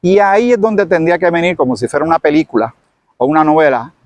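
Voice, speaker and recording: Higher-voiced man preaching with dramatic storytelling. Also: fast, no echo. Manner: dramatic storyteller who acts out the scene. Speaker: Bible teacher. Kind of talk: sermon-style Bible teaching.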